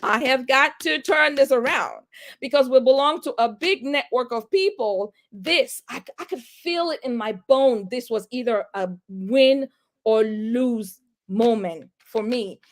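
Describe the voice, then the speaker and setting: A real estate agent telling a personal story in an interview, animated and acting out the dialogue she recalls. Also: on the high side, unhurried. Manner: animated, acts out quoted dialogue.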